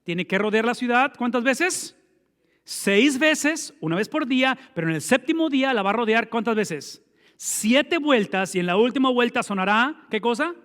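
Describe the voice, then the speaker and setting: High-voiced preacher. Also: male voice, animated, normal speed. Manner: preaching with frequent rhetorical questions he answers himself; emphatic, swinging between loud stresses and quiet low asides. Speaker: pastor. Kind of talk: sermon. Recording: long reverb of a large hall.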